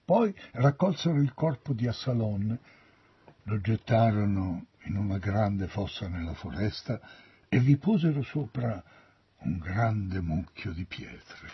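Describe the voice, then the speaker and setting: A man reading a Bible story aloud as an expressive storyteller. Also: fairly low pitch, takes it slowly, a little hiss or hum. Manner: expressive storyteller, lively intonation. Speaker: narrator. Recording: dull dry recording.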